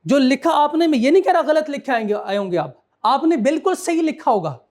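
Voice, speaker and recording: Guy teaching a law class, pretty high voice, keeps asking the students stuff and repeating himself. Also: lively intonation, brisk, a little mellow. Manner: quizzes students, repeats key points. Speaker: accountancy law lecturer. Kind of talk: classroom lecture.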